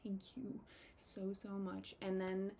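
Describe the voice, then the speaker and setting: A young woman chatting to her viewers in a casual personal update, heartfelt and grateful, halting with many ums and getting emotional. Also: medium pitch, little pitch movement, creaky, warm tone, slight background noise. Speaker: fantasy photographer and content creator.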